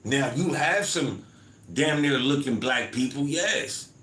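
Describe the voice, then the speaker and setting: An American man on his own podcast reads chat comments and talks loosely with listeners, sprinkling in plenty of "you feel me" and "man." His mid-range voice is animated, slow, and fairly bright. Slight background noise and faint ambience fill the roomy home recording.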